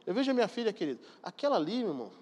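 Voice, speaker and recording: A man's voice: sits high, sing-song, very fast, darkish tone, slight background noise. Preaching man in a reverberant hall. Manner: emphatic, addresses congregation directly. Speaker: pastor. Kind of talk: sermon.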